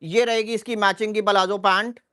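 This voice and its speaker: Brief: high-pitched male seller on a live sale stream, repetitive price-and-size patter. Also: fairly even intonation, sharp tone, smooth. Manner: repeats sizes and prices in a brisk listing rhythm.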